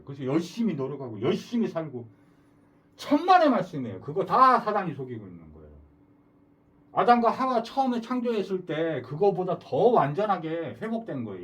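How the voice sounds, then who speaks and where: A man's voice: a little high, recorded from a distance. A man preaching a sermon, emphatic and full of rhetorical questions to the congregation.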